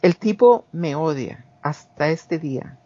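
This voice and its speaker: On a dull lo-fi recording with no room sound, a guest speaks in a slow, mellow, animated voice on the high side. He's a Guatemalan man in his forties with a Guatemalan Spanish accent, telling personal stories in a casual, meandering way, full of restarts and acted-out quotes.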